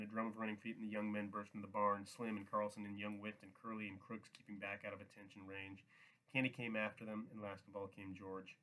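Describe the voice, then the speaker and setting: A man reading a novel aloud as a steady, plain audiobook narrator. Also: fairly low pitch, rough recording. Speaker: audiobook reader. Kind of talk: scripted narration.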